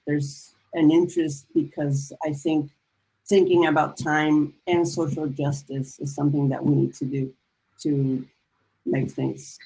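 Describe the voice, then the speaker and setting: A woman from the Republic, a storyteller and novelist speaking in a panel discussion over a video call, halting and full of fillers. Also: low voice, vocal fry, dark tone, slightly rough, poor audio. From Dominican Republic.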